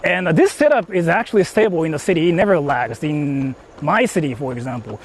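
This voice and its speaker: A man with a slightly high, lively voice talks a little fast as he live-streams outdoors in the countryside from a handheld phone. Rambling with many fillers, he explains his tech setup to chat, over a faint hiss or hum.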